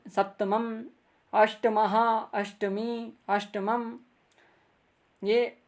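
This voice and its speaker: Male teacher for a video lesson; unhurried, careful, drawn-out recitation, patient direct address. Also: sits high. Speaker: Sanskrit grammar teacher.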